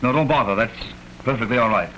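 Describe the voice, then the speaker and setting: An actor in an early talkie film playing an earnest, boyish young son with a stagey delivery, on a crackly, humming soundtrack. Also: male voice, mid-range voice, fast, pushed and bright, close to an everyday voice. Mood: polite.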